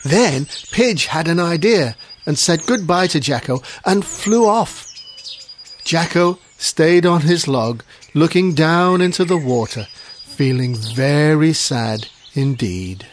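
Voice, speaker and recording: Storyteller, children's story, slow and lively, faint hiss. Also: medium pitch. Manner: gentle, expressive, unhurried.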